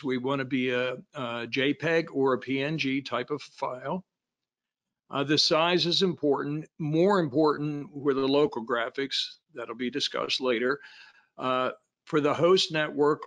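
A man's voice: mid-range voice, fairly bright tone. A man giving a technical training walkthrough over slides, in a plain explanatory way with frequent fillers and restarts. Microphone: voice-over on screen recording.

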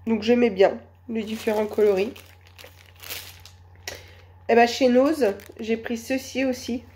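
A woman with a cold and a hoarse voice, chatting slowly and hesitantly through a shopping haul. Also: fairly high pitch, steady tone, dark tone, slight background noise. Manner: hesitant, many fillers, slow and chatty. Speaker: vlogger. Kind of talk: casual shopping haul vlog.

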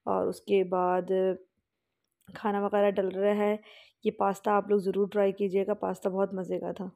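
A woman's voice: mid-range voice, flat delivery, normal speed, vocal fry, dark tone. A young woman vlogger giving a chatty, rambling voice-over about a family outing, with fillers and restarts.

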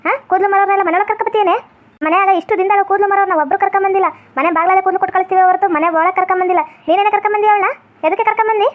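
A woman voicing a deaf, cranky old grandmother who scolds fast and holds to strict customs, in a comedy skit. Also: fairly even intonation. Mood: scolding. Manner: scolding, shrill and quick. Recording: tinny phone-like sound.

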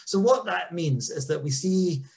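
A man's voice: sits high, animated, unhurried, creaky, darkish tone. A man giving an informal conference talk over a video call, chatty and full of small ums. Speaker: engagement officer. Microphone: video call webcam.

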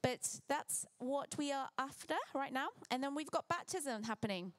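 A woman's voice: high-pitched, moderate pace, fairly bright tone. A woman leading a church service, giving announcements in a chatty, informal way.

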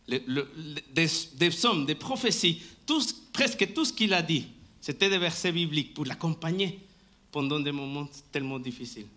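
A man preaching a live sermon in church, slow and emphatic, often restarting his phrases and asking for the next slide. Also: on the high side, sharp tone. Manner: talks to the congregation and asks for the next slide. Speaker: pastor. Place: church sanctuary, indoors.

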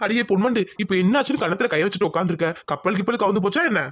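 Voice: medium pitch, expressive, lightly acted. A performer voicing a teasing village husband in a cartoon. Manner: teasing, quick. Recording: noisy background.

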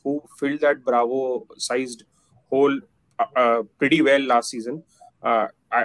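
A man's voice: medium pitch, dry recording, low-quality recording. A man in his thirties giving cricket analysis on a video call, with many fillers and restarts. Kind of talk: casual panel discussion. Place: plain indoor room. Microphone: video call webcam.

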